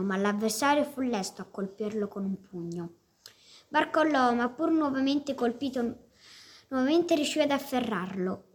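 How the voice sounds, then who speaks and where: A woman reading a story aloud with steady expression. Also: a little high. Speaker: reader.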